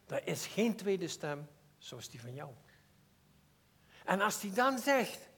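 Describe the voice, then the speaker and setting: A man with a Limburg Dutch accent preaching a sermon, earnest and personal, swinging between loud emphasis and quiet asides. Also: high voice, big pitch swings, slow pace, slightly rough.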